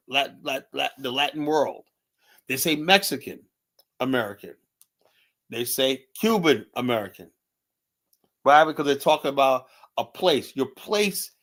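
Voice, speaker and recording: A man's voice: medium pitch, a bit bright. Blunt American man ranting on a stream. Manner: blunt, repetitive, peppered with "you know"; mocks others by quoting them in put-on voices. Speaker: commentary streamer host. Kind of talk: heated political commentary monologue.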